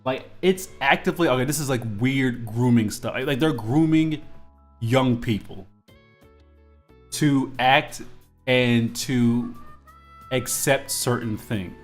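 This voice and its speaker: A twenty-something man draws on a live stream, talking slowly and pausing often in a mid-range voice. Faint music plays behind his casual, rambling chat, which is full of fillers and restarts.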